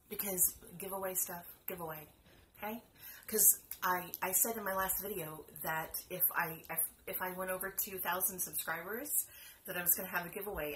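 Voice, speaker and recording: A woman chatting casually to camera as a cross stitch vlogger at home, excitable and self-deprecating. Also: medium pitch, a little hiss or hum. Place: home room.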